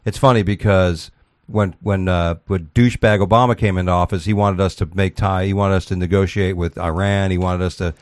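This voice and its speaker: A man with a lowish voice chats in crude, opinionated banter, swearing freely and often breaking into laughter. The sound is dry and close, with no room around it. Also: fairly even intonation, a little fast, few pauses, no echo.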